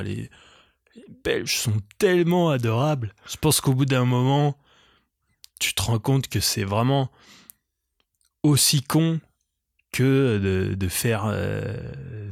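A man's voice: mid-range voice, no room sound, studio quality. A man hosting his own podcast, a comedian rambling through crude, self-mocking digressions. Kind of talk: rambling comic monologue.

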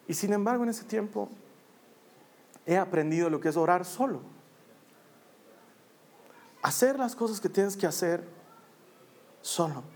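A man, preaching a personal testimony in an earnest storytelling manner, slowing down on key phrases. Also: high-pitched, darkish tone.

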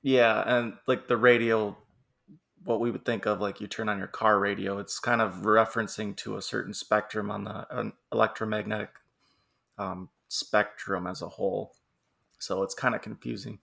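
Male podcast co-host, low gravelly voice, relaxed chatty musing. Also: normal speed. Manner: laughs often, musing and talkative. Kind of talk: casual chat.

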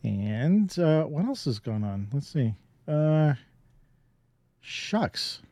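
A man's voice: on the high side, very animated, slow, mellow, no echo. A man co-hosting a podcast, talking in a loose, rambling way with lots of fillers and restarts. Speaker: podcast co-host. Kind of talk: casual chat.

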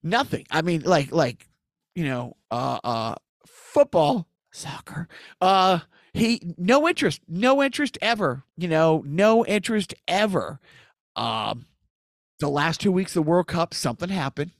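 A man's voice: fairly high pitch, big pitch swings, measured pace, dry recording, studio quality. A man co-hosting a casual podcast, rambling with lots of restarts and asides. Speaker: podcast co-host. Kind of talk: casual chat.

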